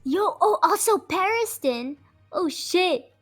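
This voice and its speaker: A woman streaming a casual reaction chat, with slangy, excitable exclamations, as she reads along with a partner. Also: very high-pitched, takes it slowly, soft background music. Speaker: streamer reading manga aloud with a partner.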